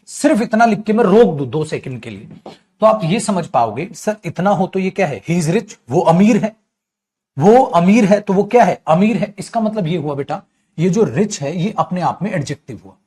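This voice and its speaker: A grammar teacher with a Hindi accent gives an online class, his somewhat high voice rising and falling a lot. He explains patiently and fondly calls his students "beta". He keeps asking the class questions and then answering them himself. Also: lively intonation, moderate pace, a little mellow.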